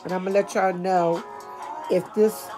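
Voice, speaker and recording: Older lady chatting with her viewers about food, relaxed, music in the background. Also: fairly low pitch, normal speed. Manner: chatty, talks straight to viewers. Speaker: food review vlogger. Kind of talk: casual chat to camera.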